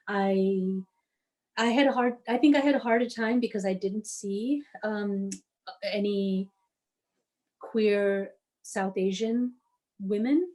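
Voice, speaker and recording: A woman in her forties from the Washington, D.C. area, telling her family story in a casual, tentative way with frequent fillers. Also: mid-range voice. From United States, D.C. area. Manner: tentative, many fillers, warm laughs. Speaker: podcast guest sharing her story.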